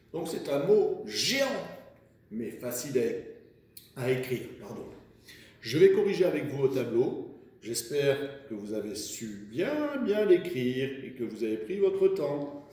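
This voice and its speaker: A man teaching young children, dictating words slowly syllable by syllable and encouraging them, recorded far from the mic in an echoey room. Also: medium pitch, huge pitch swings, mellow. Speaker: primary school teacher. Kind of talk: slow dictation lesson for children.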